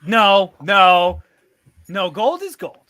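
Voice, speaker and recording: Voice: mid-range voice, sing-song, takes it slowly, a bit bright. A game master narrating a tabletop game in an easygoing way. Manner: easygoing, filler-heavy narration.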